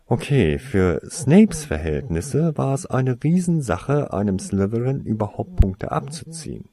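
A man narrating a story in a measured, expressive reading. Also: medium pitch, a crowd in the background. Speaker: audiobook reader.

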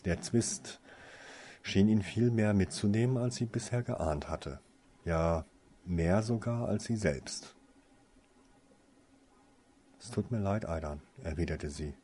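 Male audiobook narrator, deep dark voice, measured delivery. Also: a little hiss or hum. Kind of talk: scripted narration.

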